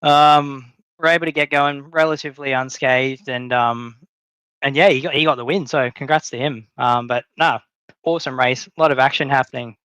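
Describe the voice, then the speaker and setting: A young New Zealand man comes through a group voice chat on a headset mic, his voice bright and very clean. He talks in a loose, rambling way, filling gaps with "um" and starting over. The sound is dry and close, with no room around it. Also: mid-range voice, fairly even intonation, moderate pace, clean tone, no room sound. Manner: easygoing, rambling, many "um"s and restarts. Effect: heard over a push-to-talk group voice chat. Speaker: sim racing driver, race guest. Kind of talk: casual post-race chat.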